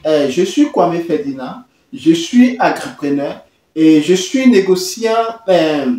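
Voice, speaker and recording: A man speaks in a slightly high voice at a very unhurried pace. He hosts his own channel and stops often on long "euh" fillers. His voice sounds roomy and a bit far from the mic. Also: darkish tone. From Côte d'Ivoire. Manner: halting, many drawn-out "euh" fillers. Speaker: host. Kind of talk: hesitant talking-head commentary.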